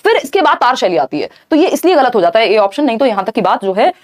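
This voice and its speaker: Female tutor, live online lesson, rapid explanatory delivery, slightly high voice. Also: very animated. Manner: brisk, explanatory, talks to chat viewers. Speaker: teacher.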